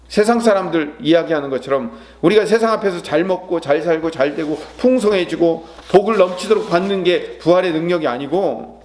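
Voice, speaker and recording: A high-voiced man preaches a sermon as a pastor, acting out prayers and quotations before putting questions to the congregation and answering them himself.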